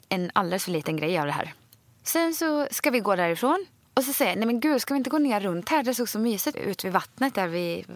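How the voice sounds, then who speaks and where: A Swedish woman co-hosting a podcast, telling a story in a lively, chatty way and acting out what each person said. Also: medium pitch, no room sound. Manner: animated storyteller, acts out both sides of dialogue. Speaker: podcast co-host. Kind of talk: casual chat.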